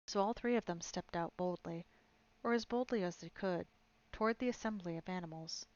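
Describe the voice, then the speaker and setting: A woman reading a novel aloud on a live stream, in a measured, expressive storybook style. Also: on the low side, lo-fi sound.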